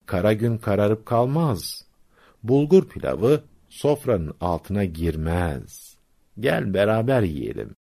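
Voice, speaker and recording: A man's voice: lowish voice, big pitch swings, takes it slowly, gravelly, mellow, exaggerated voice. A man playing a gracious forgiving younger sister. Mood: gentle.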